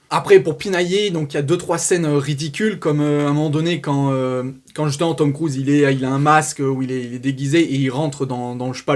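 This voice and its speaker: Exasperated man ranting about films. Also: on the high side. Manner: exasperated ranting, many restarts and fillers. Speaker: film critic. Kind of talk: casual spoken film review.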